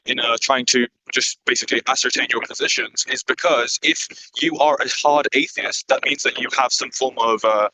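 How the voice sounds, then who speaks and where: A man's voice: medium pitch, fairly even intonation, normal speed, hardly any pauses, background noise. A man calling into an online debate through wireless earbuds, speaking formally but hesitantly with fillers while his audio cuts out and the volume jumps around. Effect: audio cutting out with uneven volume. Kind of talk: live debate on a voice call. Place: video call.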